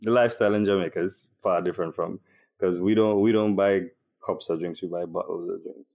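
A man, a podcast guest telling stories in a relaxed way, laughing easily. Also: sits low, fairly quick, vocal fry, muffled recording. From Trinidad and Tobago. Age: 30s. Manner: relaxed storyteller, laughs easily, restarts often. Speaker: podcast guest, university lecturer. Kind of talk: casual interview chat.

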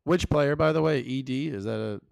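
A young man co-hosting a podcast, chatting casually and telling jokey, animated stories. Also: mid-range voice, moderate pace, creaky, no echo. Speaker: podcast co-host. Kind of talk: casual chat.

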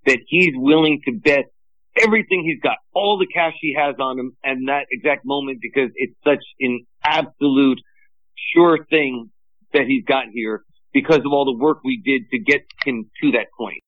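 A man's voice: medium pitch, normal speed. A man, an interview guest, explaining casually and animatedly how things work, on a phone-like line. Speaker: interview guest, former street hustler. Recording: tinny narrow phone-like line.

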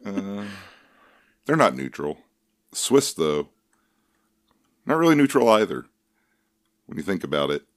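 Podcast co-host, man, very low pitch, dry jokey delivery, dead-dry room. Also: sing-song, measured pace, long pauses, dry recording. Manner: dry, joking, rambling. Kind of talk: casual chat.

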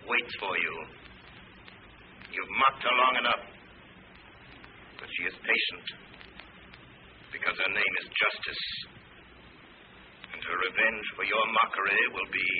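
A tinny, hissing vintage radio recording carries a grim male avenger of crime. He speaks slowly and solemnly, giving orders with theatrical command in the manner of 1930s radio drama. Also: on the low side. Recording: noisy, tinny old radio broadcast recording.

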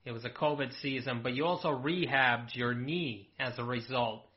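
A man's voice: medium pitch, fairly even intonation, moderate pace. A man interviewing an athlete, asking direct, plain questions. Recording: dull lo-fi recording.

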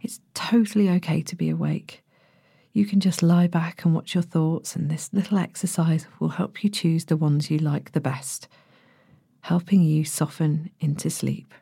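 A woman narrating a sleep story as a guided relaxation, in a gentle, hushed and breathy manner with long pauses. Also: sits low, fairly even intonation, no room sound, clean studio sound. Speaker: podcast host, sleep meditation narrator.

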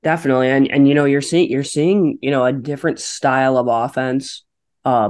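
A man's voice: medium pitch, darkish tone. A man co-hosting a sports podcast, talking casually with many fillers and restarts. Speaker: podcast co-host.

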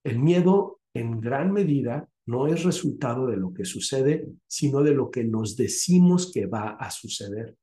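A man hosting a podcast, telling a story and giving advice in an animated way. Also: medium pitch, unhurried, few pauses. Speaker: podcast host. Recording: roomy echo.

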